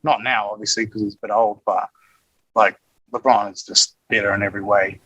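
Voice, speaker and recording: Man, broad New Zealand accent, husky, dry recording, casual sweary chat, matey. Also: lowish voice, little pitch movement, fairly quick, pushed and bright, no echo, highs cut off. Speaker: podcast guest.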